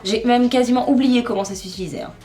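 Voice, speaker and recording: A woman's voice: a little high, quick pace, dark tone. Chatty woman vlogger in an echoey room. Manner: chatty and self-mocking, talks while working. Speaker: beauty vlogger. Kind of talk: casual makeup tutorial chat. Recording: echoey room, faint music.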